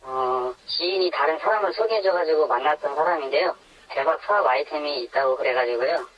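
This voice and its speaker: A young man speaks through an electronic voice disguise, pitched a little high. The sound is dull and band-limited, as on a telephone. He is an anonymous interviewee recounting his experience. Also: a little fast. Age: 20s. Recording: dull, narrow phone line on radio.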